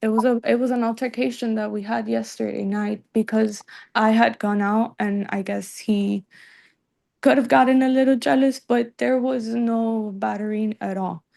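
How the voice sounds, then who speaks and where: A woman's voice: on the high side, fairly even intonation, moderate pace, gravelly, a little mellow. A woman testifying to a judge over a video call, speaking hesitantly and restarting her sentences. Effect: heard over a video call. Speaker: witness in a court hearing.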